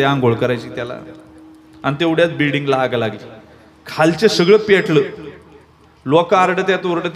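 A man delivers a lively kirtan sermon in a high, bright voice. He tells stories and keeps asking the audience questions. Devotional drums and music play clearly behind him. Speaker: kirtan preacher. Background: pakhawaj drum and devotional music.

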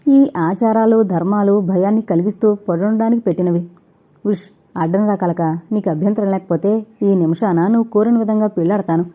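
A woman voicing an earnest young man who calmly reasons and pleads his love, read as an audiobook character. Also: medium pitch, normal speed, close to an everyday voice. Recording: dull lo-fi recording.

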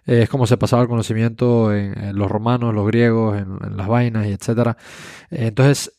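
A man's voice: fairly low pitch, steady tone, a little fast, mellow, no echo, studio quality. Agreeable podcast host, man. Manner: agreeable, reflective, frequent affirmations. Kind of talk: interview conversation.

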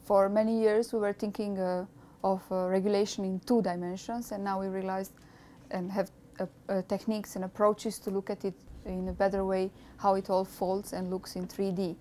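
A woman's voice: medium pitch, flat delivery, mellow, slight background noise. Croatian-accented woman, thoughtful and hesitant. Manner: thoughtful, measured, with frequent hesitations. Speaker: postdoctoral researcher. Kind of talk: documentary interview. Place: small lab office, indoors. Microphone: lapel mic.

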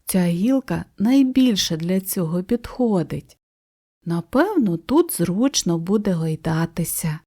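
A woman's voice: lowish voice, slow, heavily acted. A woman voicing a cheerful, dreamy female cow who is playful and curious. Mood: calm curious. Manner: lively, gently exclaiming.

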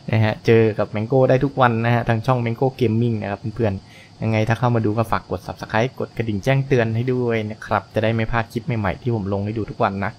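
A man's voice: lowish voice, fairly even intonation, normal speed, a little hiss or hum. Young man, gameplay commentary, chatty, polite, thinks aloud, truck engine sounds behind. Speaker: gaming channel host.

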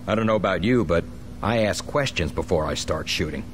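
An actor playing an eager, respectful American soldier in a video game, chatty and deferential. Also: male voice, low voice, lively intonation, a little fast, slight background noise. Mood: earnest, upbeat. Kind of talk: video game cutscene acting.

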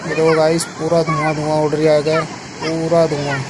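A young man giving a casual travel vlog at a waterfall, talking excitedly and calling his viewers "guys". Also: a little high, normal speed. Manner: excited tour-guide patter, repeats "guys". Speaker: vlogger. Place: outdoors at a waterfall viewpoint. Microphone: phone camera. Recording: phone video with outdoor noise.

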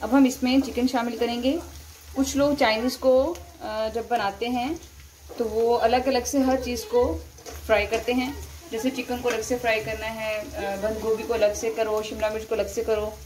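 A woman and mother giving a calm, step-by-step home cooking demonstration at her kitchen stove, talking to her viewers as she cooks. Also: fairly high pitch, normal speed, a little hiss or hum. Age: adult, mother of a young son. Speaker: cooking vlogger. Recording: frying sizzle behind the voice. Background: frying and stirring in a wok.

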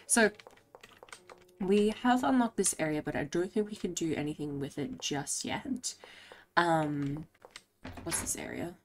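A tired woman giving casual, halting commentary while playing a game, with many pauses and fillers. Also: on the low side, a little hiss or hum. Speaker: gameplay commentator. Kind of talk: casual let's play commentary.

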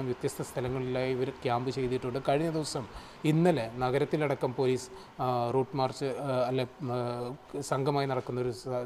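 Halting Malayali male field reporter. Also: medium pitch, a little mellow. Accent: Malayali, Kerala. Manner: halting, many fillers and restarts. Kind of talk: live news report. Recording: faint background noise.

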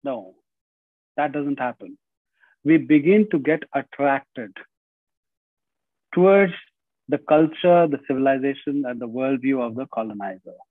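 This guest speaker, a middle-aged man with an Indian accent, lectures earnestly over a video call from an indoor room at home, using earbuds. His medium-pitched voice is unhurried, with long pauses, frequent "you know"s and restarted phrases. There is no room sound in the dry, tinny audio.

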